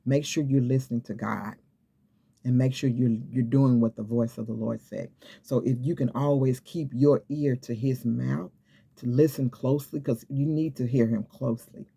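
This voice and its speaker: A man's voice: mid-range voice, steady tone, normal speed, gravelly, warm tone, breathy edge. A man preaching an informal sermon to camera, exhorting and repeating himself, often checking in with "okay?". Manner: repetitive, exhorting, with many restarts and "okay?" checks.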